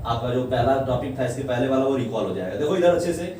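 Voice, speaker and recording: A man's voice: medium pitch, lively intonation, fast, warm tone, slight background noise. Echoey far-off male physics teacher. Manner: explains step by step, keeps asking "है ना?". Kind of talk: classroom lecture. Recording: echoey room, voice from far off, faint ambience.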